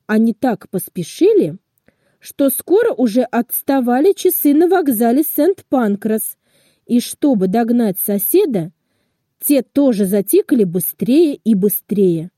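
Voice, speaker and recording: A woman narrating a children's storybook aloud, slowly and expressively. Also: high voice, no room sound, studio quality. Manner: slow, expressive, lively. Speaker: storybook reader.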